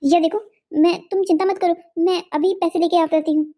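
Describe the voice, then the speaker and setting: Cartoon wife: woman playing a gentle, reassuring young woman, high and mellow. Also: steady tone, a little fast. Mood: caring. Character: brave, caring young wife, the elder sister-in-law.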